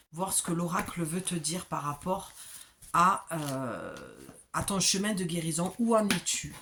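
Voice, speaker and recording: A woman's voice: on the low side, fairly bright tone, a little hiss or hum. A woman giving an oracle card reading, talking straight to the viewer in a chatty, self-mocking way.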